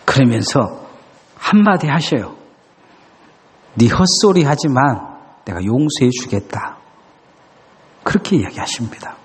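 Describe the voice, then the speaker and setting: A man's voice: medium pitch, lively intonation, unhurried, long pauses, slightly rough, big-room sound. A male pastor preaching a sermon, dramatically acting out the questions God and the prophets ask. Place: church sanctuary.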